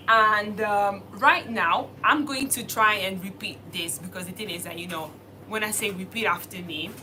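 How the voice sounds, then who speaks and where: A young woman from Italy teaching a casual video lesson, speaking slowly and deliberately and spelling out words. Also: mid-range voice, noisy background. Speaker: language teacher.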